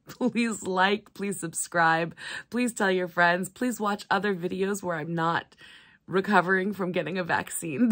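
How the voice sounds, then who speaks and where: Tired, chatty low-voiced woman vlogger. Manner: chatty, rambling, self-deprecating. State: tired and unwell. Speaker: crafting vlogger. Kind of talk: casual chat to camera. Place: cluttered home craft room.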